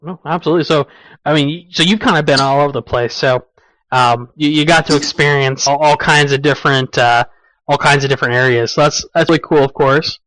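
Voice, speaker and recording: Higher-voiced man co-hosting an interview. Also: fairly even intonation, brisk, a bit bright, no echo, rough recording. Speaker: co-host interviewer. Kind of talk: podcast interview.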